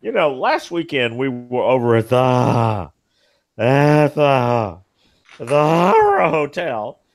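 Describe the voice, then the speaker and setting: A man's voice: medium pitch, huge pitch swings, slow. A man co-hosting a podcast, telling rambling stories in casual banter with lots of fillers. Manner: rambling storyteller, frequent fillers. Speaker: podcast co-host.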